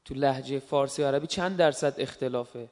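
A man's voice: medium pitch, a little mellow. Man asking questions in a lecture hall. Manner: inquisitive, probing.

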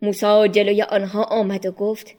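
Expressive woman narrating a storybook. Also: mid-range voice.

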